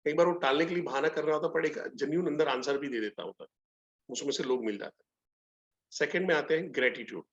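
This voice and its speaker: Middle-aged male trainer, higher pitched, animated storyteller, muffled lo-fi webinar audio. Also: fast talker. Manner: animated storytelling, acts out both sides of dialogues. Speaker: sales trainer. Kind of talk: live online training session.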